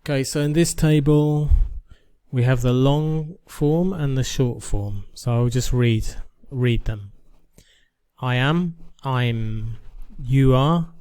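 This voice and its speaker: A man working through a beginner English lesson, reading each drill sentence slowly and deliberately. His pitch sits in an ordinary middle range. He paces himself for learners. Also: dark tone, clear, resonant tone. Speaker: English teacher. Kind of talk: slow, careful lesson reading.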